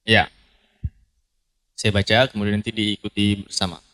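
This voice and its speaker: Low-voiced man teaching Quran recitation. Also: normal speed. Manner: relaxed, repeats points, clears throat often. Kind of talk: live tajwid lesson to students. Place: study hall at a training event.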